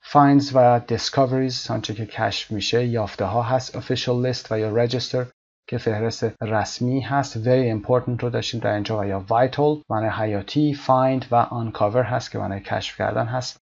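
A man's voice: mid-range voice, fairly even intonation, gravelly, a little mellow. Man teaching vocabulary, dull lo-fi sound. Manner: explains words one by one, reads English examples slowly. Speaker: English teacher. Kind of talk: recorded vocabulary lesson.

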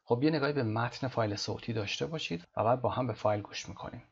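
A man with a gravelly, slightly husky voice works through an English textbook lesson. He slows right down whenever he models how a word should sound. The recording is dull and lo-fi. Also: mid-range voice. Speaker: English teacher.

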